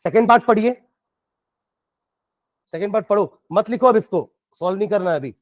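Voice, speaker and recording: In a muffled recording without room sound, a man speaks with a high voice at a fairly quick pace. He has an Indian accent and teaches science in class, working through problems step by step and questioning his students.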